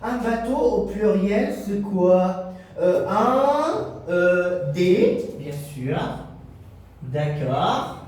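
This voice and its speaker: A man's voice: sits high, animated, extremely slow, a little mellow. A man teaching a French lesson to children at a board, acting out the pupils' answers himself. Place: classroom with whiteboard. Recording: echoey room, mic far off.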